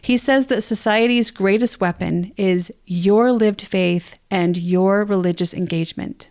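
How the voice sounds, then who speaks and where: A podcast co-host talks about books and ideas in a conversational, explanatory way, partly chatting casually and partly reading from prepared notes. Her voice is medium in pitch, gravelly, and a little mellow.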